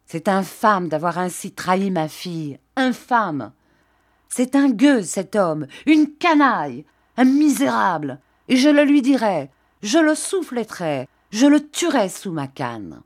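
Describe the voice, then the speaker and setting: A woman's voice: medium pitch, big pitch swings, a little slow. A woman playing a raging old baron. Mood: furious. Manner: loud, furious outbursts. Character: indignant old nobleman, trembling with rage.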